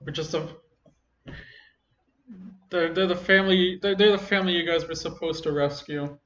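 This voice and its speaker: A man's voice: a little high, steady tone, moderate pace, fairly bright tone, pitched above the performer's own voice, lightly acted. Man playing a blunt, sneering hobgoblin, roomy sound. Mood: sneering, defiant. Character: sneering hobgoblin captive, blunt, loyal to his master. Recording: roomy, slightly muffled, faint noise.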